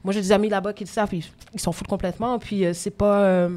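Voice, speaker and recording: A woman in her thirties from Quebec, Canada, a rapper with a Québécois accent, tells her story candidly and reflectively as a guest in an interview. She talks fast in a warm, steady, medium-pitched voice. A phone captured this live podcast taping at a venue.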